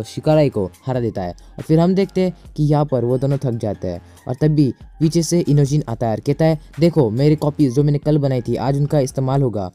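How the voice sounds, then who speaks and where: A man's voice: medium pitch, warm tone. A young man narrating an anime episode recap, plainly retelling the plot and reading out the characters' lines. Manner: plain storytelling, reads out quoted dialogue.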